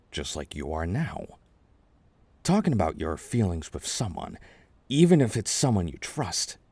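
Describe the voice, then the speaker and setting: Gentle, rambling older chess king played by a man, soothing ASMR roleplay, deep voice, very dry close sound, halting reassurance. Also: no room sound, heavily acted. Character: Kinger, gentle, eccentric, bug-loving older chess king, soothing a friend.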